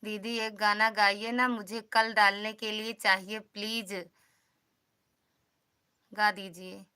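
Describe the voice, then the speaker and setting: A woman's voice: medium pitch, level tone, takes it slowly, sharp tone, clean tone. A woman with an Awadhi accent hosting a casual live stream, greeting viewers by name and asking them to support each other. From Uttar Pradesh, India. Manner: chatty, greets commenters by name, calls for support and returns.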